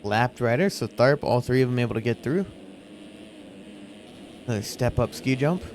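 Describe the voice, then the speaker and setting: A man's voice: medium pitch, lively intonation, moderate pace, a little mellow, slight background noise, rough recording. A man giving live motorsport race commentary in an informal, conversational play-by-play style.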